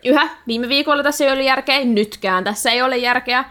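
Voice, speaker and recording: Higher-voiced woman, dry podcast banter. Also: bright, forceful tone. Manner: dry, agreeing, sighing. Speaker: podcast co-host. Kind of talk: casual chat.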